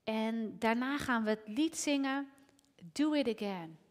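A woman preaching a sermon in a lively way, rising to near shouts and dropping to whispers. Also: on the high side, unhurried. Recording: long hall reverb.

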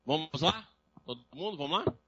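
Brazilian guy lecturing a class, high bright voice, dry dull-ish recording. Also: moderate pace, husky, no echo. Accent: Brazilian Portuguese. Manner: lively storytelling, acts out patients' voices.

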